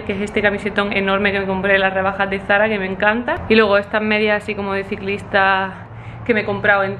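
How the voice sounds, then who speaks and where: A woman's voice: mid-range voice, pushed and bright, a little hiss or hum. A woman in her thirties from Spain with a Spanish accent, chatting casually to a handheld camera at arm's length in her daily vlog. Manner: chatty and fast, lots of "súper" emphasis. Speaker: vlogger. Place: outdoors on streets, then small apartment indoors.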